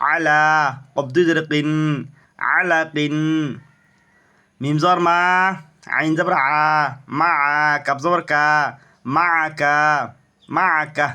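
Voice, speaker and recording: A man with a Bangladeshi Bengali accent teaching Quran reading, spelling out each letter and vowel mark and then blending the syllables in a steady, repetitive drill. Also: on the high side, clear, resonant tone. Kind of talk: slow spelled-out Quran recitation lesson.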